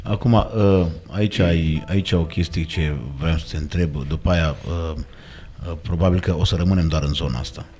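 Low mellow Romanian podcast host. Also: male voice, fairly even intonation, faint music behind. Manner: probing, plays out what critics say. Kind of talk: casual chat.

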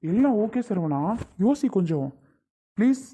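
A man's voice: sits high, sing-song, a little slow, dark tone, husky, heavily acted. A man playing an older father-in-law who coaxes and insists, repeating his pleas, in a family drama skit. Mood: pleading.

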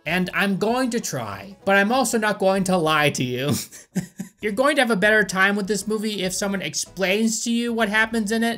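A man's voice: high voice, a bit bright. A man hosting a comedic movie review, sarcastic and candid. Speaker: film review host.

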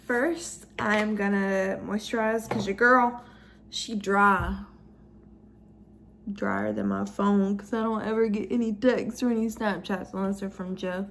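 Woman, 20s, makeup vlogger: giggly drunk, animated and slangy, chatty rambling delivery. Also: a little high, slight background noise. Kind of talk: casual chatty makeup tutorial. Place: living room at home, high ceiling.

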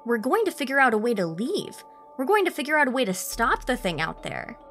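A woman's voice: on the high side, big pitch swings, fairly quick, a bit bright, soft background music, voice pushed up. Woman voicing a commanding male sergeant, firm orders, raised voice. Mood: pleading. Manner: commanding, insistent.

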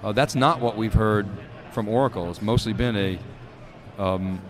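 A man's voice: on the low side, normal speed. A middle-aged man co-hosting live event commentary from a conference studio booth, talking analytically with plenty of fillers. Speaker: tech show co-host. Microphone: handheld stand mic. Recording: busy crowd noise behind.

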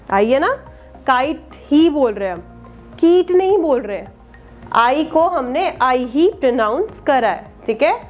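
A woman teaching young children phonics, spelling words out letter by letter and often checking they follow. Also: high-pitched. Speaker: kindergarten teacher.

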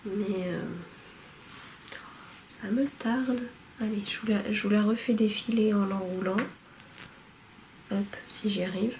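At home in a window-lit room, a knitting vlogger shows off her newest yarn purchases in a casual show-and-tell, chatty but hesitant, full of fillers and restarts. Her mid-range voice is darkish and steady, taking it slowly with frequent pauses. The recording is low quality with slight background noise.

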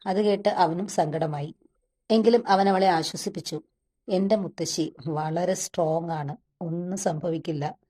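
Female storybook narrator, steady even reading, warm mellow tone. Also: on the low side.

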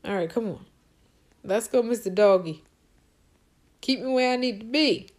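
A woman's voice: a little high, normal speed, darkish tone. A young adult woman hosting a gaming channel, commentating her play with squeals, gasps and coaxing cheers. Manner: squealing and gasping, coaxing the game aloud. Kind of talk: excited game commentary.

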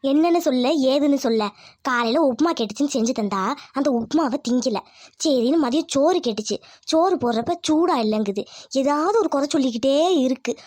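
A woman's voice: high-pitched, lively intonation, fairly quick, a little mellow. A woman playing a frustrated young village wife who complains in an exasperated way.

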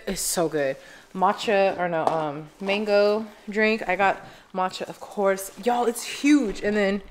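A young woman chatting casually to her viewers in a home vlog, expressive and talkative. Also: mid-range voice, slight background noise. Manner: chatty and expressive, talks straight to viewers as "y'all". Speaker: vlogger. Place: at home, indoors.

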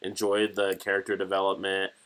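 Chatty young man, low voice. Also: a little fast. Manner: animated, acts out quoted characters in raised voices. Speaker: co-host of anime reaction channel. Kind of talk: casual chat.

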